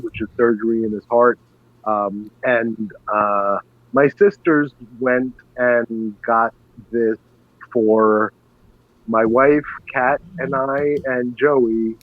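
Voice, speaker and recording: A man's voice: mid-range voice, no room sound. A man in his fifties, a show producer, chatting casually on a podcast and rambling through stories. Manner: rambling, animated storyteller. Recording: dull lo-fi sound.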